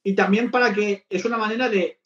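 A man's voice: high voice, fairly even intonation, brisk, fairly bright tone. A man hosting a podcast in a casual, rambling way with many restarts. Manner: chatty, rambling with frequent restarts. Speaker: podcast host. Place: lives in Barcelona. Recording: echoey, dull lo-fi sound.

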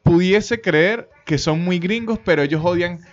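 A male comedian chats as a podcast guest and rambles through comparisons. His voice sits a little high. The recording is muffled and lo-fi. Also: unhurried, soft background music. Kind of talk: casual podcast chat. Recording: muffled lo-fi audio.

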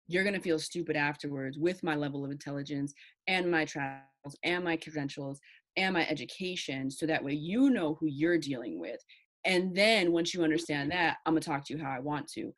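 Low-voiced assertive woman. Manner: assertive, self-assured, emphatic. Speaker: podcast co-host. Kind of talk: casual podcast chat.

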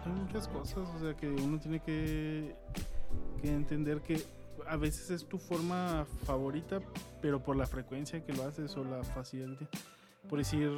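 Joking young man, music underneath. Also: on the high side. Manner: joking, storytelling with acted quotes. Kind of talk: casual chat. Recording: music playing under the talk.

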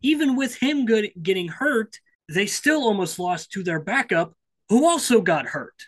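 A man co-hosting a casual sports podcast, building his points in a measured way and restarting his sentences. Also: sits high, expressive, a bit bright. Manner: measured, keeps repeating "here's my thing". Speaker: podcast co-host.

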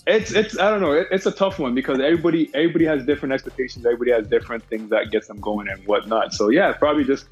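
A man's voice: medium pitch, very fast, hardly any pauses, slightly rough, highs cut off, faint music behind. A man in a casual podcast chat, easygoing and noncommittal, full of fillers.

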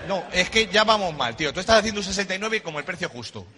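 A man's voice: high-pitched, lively intonation, very fast, noisy background. A middle-aged man doing a stand-up comedy monologue on a live stage, talking in slang and bantering with the audience. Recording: live show with loud crowd laughter.

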